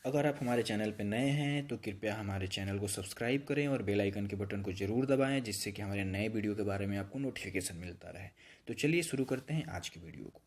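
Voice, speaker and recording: A man's voice: fairly low pitch, brisk, darkish tone. A man with a Hindi accent giving a patient, explanatory lesson to his channel, walking through each idea with everyday examples. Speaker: YouTube instructor.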